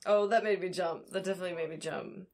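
A woman's voice: lowish voice, fairly even intonation, fast, darkish tone. A young adult woman chatting casually and conversationally about playing a VR game. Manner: conversational, laughs easily. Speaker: streamer's co-player. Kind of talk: casual chat about VR gaming. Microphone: binaural recorder, standing in VR headset.

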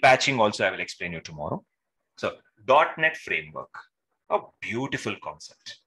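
An instructor teaches an informal, interactive online lesson, often saying "sir" and checking in with short questions. His medium-pitched voice has a sharp tone. The audio, from a video call microphone, is poor.

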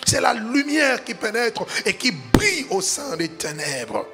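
A man's voice: extremely high pitch, very animated, unhurried, creaky, bright, forceful tone, faint music behind. A man pastor preaching a sermon in a sing-song cadence, climbing to emphatic peaks.

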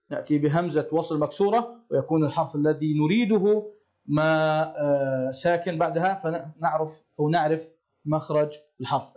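Guy teaching class, pretty high voice, keeps asking the kids stuff then answering it himself. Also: a little mellow. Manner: asks the class questions and answers them himself; slows down to chant Quran verses. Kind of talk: classroom lesson.

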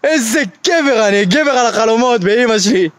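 A man telling a comic story in a monologue, excitable, with mock-panicked outbursts. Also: extremely high pitch, no room sound. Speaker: comedian.

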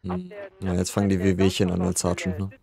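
Deep and level, with vocal fry and a slightly quick pace, the voice belongs to a streamer roleplaying a police officer in a game. Over crowd noise, he talks casually and somewhat grumpily about his shifts.

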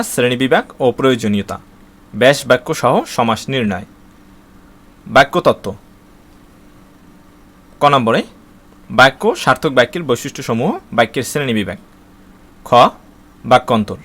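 Speaking to students in a spoken lesson, a teacher with a Bangladeshi Bengali accent explains the exam syllabus in an average-pitched, fairly bright voice. He works steadily through long lists, with frequent "uh" fillers and restarted words.

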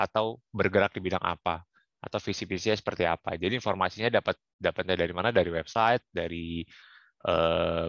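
A man's voice: low voice, fairly bright tone, dry recording. A young man giving career advice in a casual online talk, with frequent fillers and English career terms. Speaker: guest speaker. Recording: muffled, dry, lo-fi.

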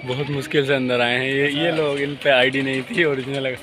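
A man's voice: mid-range voice, steady tone, brisk, background noise. A young man casually vlogging, chatting and laughing with friends, first by a road and then inside an airport terminal. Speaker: travel vlogger. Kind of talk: casual travel vlog.

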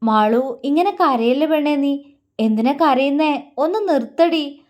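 An affectionate young lover, read by a woman in a storybook audio series, gently coaxing and playfully scolding. The voice sits high, and the tenderness never fully leaves even when he pretends to be angry. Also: slow pace. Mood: tender. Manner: affectionate, mock-stern scolding. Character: tender, teasing young man in love.

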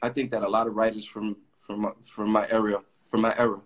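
A middle-aged Puerto Rican graffiti artist rambles through casual interview stories full of fillers, captured on a video call webcam. His fairly low voice shows little pitch movement and runs a little fast.

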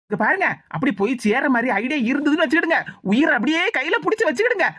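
Cartoon: woman playing chatty young village woman, Tirunelveli Tamil accent, quick teasing banter, high voice. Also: animated, a bit bright.

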